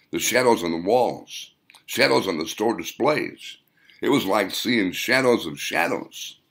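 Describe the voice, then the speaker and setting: Narrating his own audiobook from a script, a man tells the story dramatically and descriptively. His low-pitched voice has vocal fry and a somewhat bright quality.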